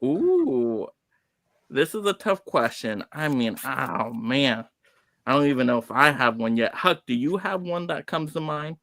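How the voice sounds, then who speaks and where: A man hosting a casual live-streamed award show, animated and playfully teasing as he builds things up. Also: medium pitch, a little slow. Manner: animated, exclaiming.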